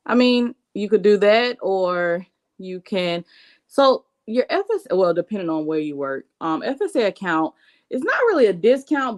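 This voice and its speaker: A woman chatting on a podcast, frank and candid, laughing easily as she shares money tips. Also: lowish voice. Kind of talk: casual podcast chat.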